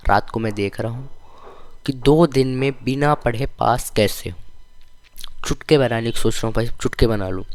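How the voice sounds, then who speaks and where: A man's voice: medium pitch, dry recording. Young man telling school stories animatedly. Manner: animated, slangy, complaining storytelling. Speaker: vlogger. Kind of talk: casual storytelling about school days.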